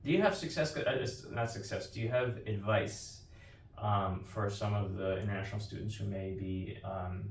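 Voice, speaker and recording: A man hosts an interview podcast with a lowish voice, working through long questions with lots of "um" and self-corrections. He sounds distant from the mic. The room adds a roomy echo. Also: normal speed, slight background noise. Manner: long winding questions with many "um"s and restarts. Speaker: podcast host.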